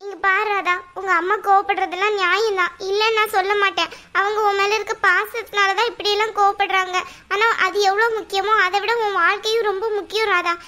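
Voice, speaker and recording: A woman doing a kind cartoon sister-in-law, calm advice, very high bright voice. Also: fairly quick. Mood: reasoning. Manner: reasoning and reassuring. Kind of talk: cartoon voice acting.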